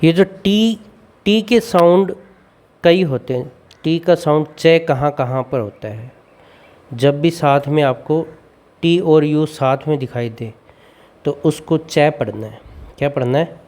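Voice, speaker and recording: A man's voice: fairly high pitch, takes it slowly, pauses often, a little mellow. A man teaching English pronunciation, reading word lists one by one and repeating his questions for the learner. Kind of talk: slow classroom phonics drill.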